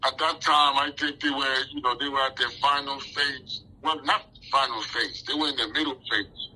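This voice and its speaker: A man in his forties, born in Haiti, talks through his answers in a loose, rambling way. He leans on frequent fillers and restarts. His voice is very bright and tense, at a middle pitch. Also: fairly even intonation, moderate pace, poor audio. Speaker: interview guest. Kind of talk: casual interview talk.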